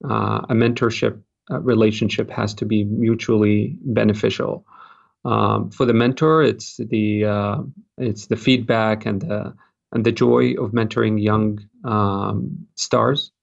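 A man from Jordan, a cardiologist, giving measured advice in an interview with many fillers and restarts. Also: lowish voice, little pitch movement, gravelly, muffled recording. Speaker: cardiologist, fellowship program director.

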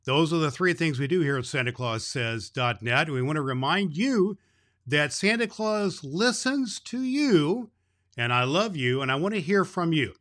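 Man acting as jolly old Santa, bright forceful voice, kindly, grandfatherly, folksy children's holiday show host. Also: fairly high pitch, lively intonation, moderate pace. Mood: cheerful, kindly. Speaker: host of a daily children's Christmas story show. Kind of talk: unscripted, folksy address to child listeners.

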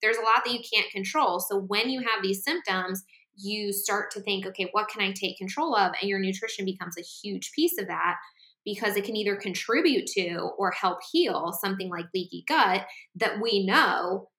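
A woman talking on a podcast in a loose, chatty way, leaning on fillers as she goes. Her voice is bright and forward. The sound carries a roomy echo. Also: medium pitch, normal speed. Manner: frequent "like" and "um" fillers, animated. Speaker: podcast co-host. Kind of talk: casual podcast chat.

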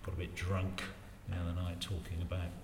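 A man's voice: deep voice, monotone, gravelly. Older man in an echoey room. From Wiltshire, England. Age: 60s. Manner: rambling, repeats phrases, halting. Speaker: interview guest in local politics. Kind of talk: casual life-story reminiscing. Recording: roomy reverberant space, faint background noise.

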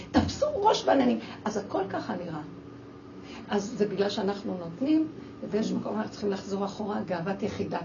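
An older woman giving an emotional religious talk to a group, exclaiming and acting out her own scolding of children. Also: medium pitch. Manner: animated, exclaiming, acts out quoted scolding. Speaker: speaker addressing a women's audience. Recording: distant, dull lo-fi with faint noise.

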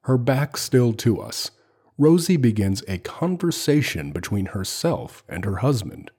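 A man hosting a screenplay read-through, reading stage directions in a measured, expressive way. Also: medium pitch, husky.

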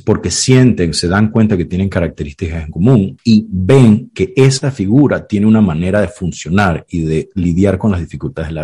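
With a deep, warm, husky voice, this clinical psychologist explains ideas reflectively on a podcast. He draws on examples and acted-out quotes, often tagging lines with "¿sabes?" and "¿ves?" as a "you know?" check-in.

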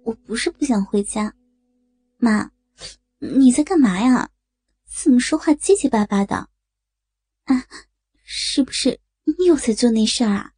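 A woman's voice: on the high side, lively intonation, unhurried, pauses often, mellow, husky, no room sound, clean studio sound. A woman voicing a blunt young daughter on the phone in an adult audio story, curt and scolding. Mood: curt, suspicious.

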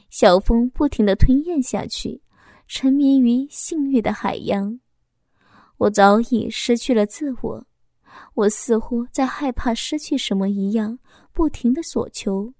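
Mellow, high-voiced woman telling a story. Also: no echo, studio quality. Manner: intimate, confessional storytelling. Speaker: audiobook narrator. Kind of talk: scripted first-person story narration.

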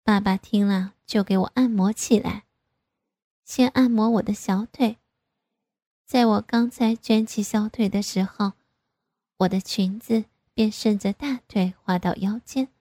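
A woman reading a first-person story aloud in a slow, even way. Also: mid-range voice, dry recording, clean studio sound. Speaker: narrator.

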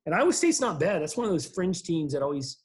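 A man co-hosting a casual sports podcast, animated and quick to laugh, often repeating his words. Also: on the high side. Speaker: podcast co-host.

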